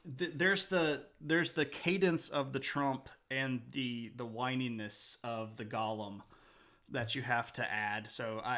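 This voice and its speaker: A man with a mid-range, sharp-toned voice hosts a live stream. He chats casually with viewers, reads their messages aloud, and laughs often.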